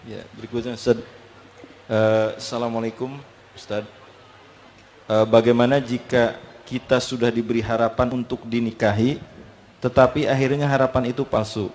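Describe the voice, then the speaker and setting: A man's voice: medium pitch, little pitch movement, moderate pace, pauses often, darkish tone, a little hiss or hum. A man politely reading out a question sent in to the preacher, with small hesitations. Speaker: question reader.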